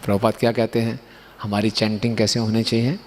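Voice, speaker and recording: A man's voice: fairly low pitch, little pitch movement, brisk, noisy background. A man giving a sermon, explaining and telling stories, often checking in with rhetorical tag questions. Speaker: preacher.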